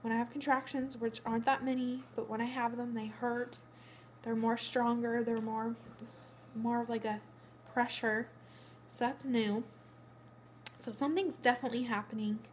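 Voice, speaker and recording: A woman's voice: fairly high pitch, little pitch movement, moderate pace, slight background noise. A young pregnant woman, out of breath, rambling through a matter-of-fact casual vlog update. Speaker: vlogger. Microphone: phone camera.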